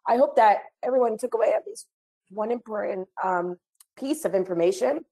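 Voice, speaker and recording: A woman trainer closing an online training webinar, a little hoarse from a cold, chatty and friendly with apologetic asides, speaking into a computer mic. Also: mid-range voice, lively intonation, moderate pace, mellow, low-quality recording.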